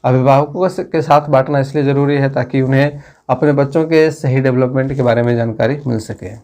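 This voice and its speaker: Male teacher, exam-prep lesson, reads questions and options aloud, explains answers step by step, mid-pitched voice. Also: fairly even intonation, brisk, darkish tone. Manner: methodical, plain-spoken, addressing students directly.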